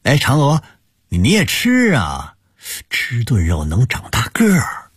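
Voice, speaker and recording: A man's voice: mid-range voice, huge pitch swings, a little slow, husky, dry recording, clean studio sound, pitched above the performer's own voice, exaggerated voice. A man voicing a jovial, doting middle-aged shopkeeper father. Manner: hearty, doting.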